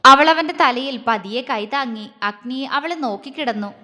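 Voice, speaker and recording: A woman storyteller reads a romance audio series in a calm, gentle, even voice. Her pitch sits high, and a long reverb hangs around every line. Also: unhurried.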